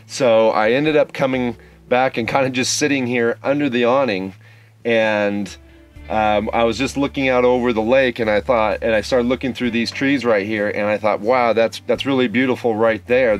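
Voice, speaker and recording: A man in his thirties chatting casually outdoors by a lake, relaxed and rambling with plenty of fillers, recorded on a camera mic. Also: mid-range voice. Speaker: outdoor photography vlogger. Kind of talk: casual on-location vlog talk.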